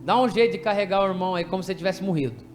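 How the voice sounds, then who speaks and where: A man with a Brazilian Portuguese accent preaching an animated, jokey sermon in a church, directing people from the pulpit to act out a story. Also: high-pitched, racing, faint music behind. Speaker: pastor. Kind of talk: lively sermon with congregation re-enactment.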